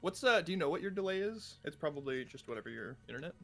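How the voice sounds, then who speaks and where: A man's voice: a little high, big pitch swings, quick pace, vocal fry, fairly bright tone, soft background music. A man chatting casually with a friend while they play a game, laid-back and often chuckling. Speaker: gaming guest. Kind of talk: casual gaming chat.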